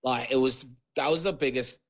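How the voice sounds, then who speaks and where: This casual podcast interview features a Papua New Guinea-born man, a former rugby league player, as its guest. His first language is Tok Pisin, and he talks at normal speed in a mid-range voice with fairly even intonation. His speech rambles, full of fillers and restarts.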